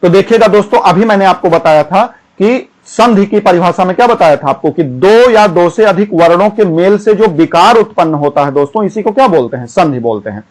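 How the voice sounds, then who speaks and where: A man teaching an exam-prep grammar lesson, chanting syllables slowly one by one and often repeating a filler phrase. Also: sits high, animated, rough recording.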